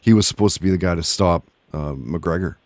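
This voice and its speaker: Relaxed low-voiced male host. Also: brisk, no room sound. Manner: relaxed, agreeable, short backchannels. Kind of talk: casual chat.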